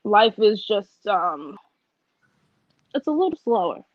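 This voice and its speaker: A woman's voice: mid-range voice, sing-song, slow pace, no echo, lo-fi sound. A young woman from Washington, D.C., a designer chatting casually and laughing as an interview guest.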